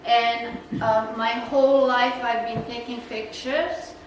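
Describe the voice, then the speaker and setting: Slow and steady, her voice on the high side, a woman gives a naturalist club a casual slide talk that rambles, full of fillers and laughs. She is from the Czech Republic and speaks with a Czech accent. She was recorded in a meeting room from a distance, with lots of echo and noise.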